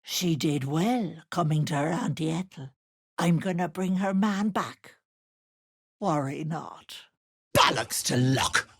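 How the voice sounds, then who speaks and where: Auntie Ethel, husky, swooping wicked old hag. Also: female voice, low-pitched, animated, slow pace, exaggerated voice. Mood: sugary, coaxing, then angry, threatening. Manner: sly, wheedling, sharp-tongued, mock-affectionate endearments. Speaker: video game character. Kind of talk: game voice acting, theatrical.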